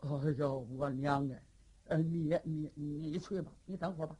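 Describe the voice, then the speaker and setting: Storytelling bit: performer as a slow, stammering giant youth, low and raspy. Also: fairly even intonation, dark tone, natural voice. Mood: frightened. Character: dim-witted young giant warrior, timid and stammering. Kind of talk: traditional storytelling.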